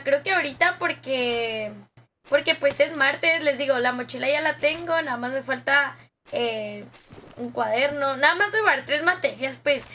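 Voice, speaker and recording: On a casual gaming stream, a young woman with a Mexican accent goes through her viewers' comments, full of slang and frequent laughter. Her high voice is bright and forceful, and a slight hiss or hum runs underneath.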